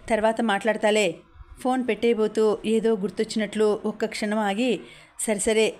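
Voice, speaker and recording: A woman narrating a novel, reading the characters' dialogue in a steady storytelling voice. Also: medium pitch. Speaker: audiobook narrator.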